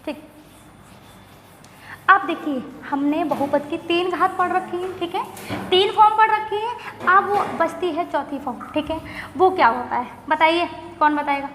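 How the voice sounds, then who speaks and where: High, bright-voiced woman maths teacher. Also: expressive, measured pace. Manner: questions and answers herself, repeats key words. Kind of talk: classroom lecture. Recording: echoey room with faint noise.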